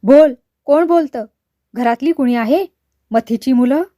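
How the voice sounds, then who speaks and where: A woman reading the lines of a stern, hot-tempered older father in a storybook, gruff and scolding. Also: sits high, unhurried, no echo, studio quality. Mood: furious. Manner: gruff, scolding, shouting in anger.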